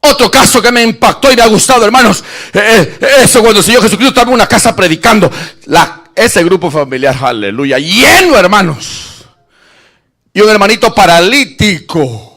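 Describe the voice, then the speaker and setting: A man preaching an animated sermon, shouting at peaks and acting out Bible scenes in voices. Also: high-pitched, brisk. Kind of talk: lively Spanish-language sermon.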